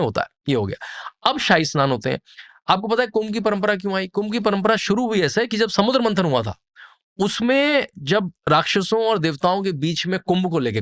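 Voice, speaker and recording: A man guesting on a podcast explains traditions vividly in a high-sitting, slightly bright voice, building scenes with lists. It's an explanatory storytelling interview, with a dry recording and clean studio sound.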